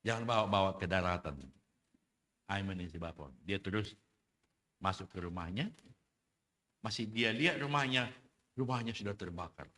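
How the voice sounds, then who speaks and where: A man's voice: fairly low pitch, moderate pace, pauses often, pushed and bright. A male pastor preaching a sermon in a church, telling a story and acting out the quoted speech.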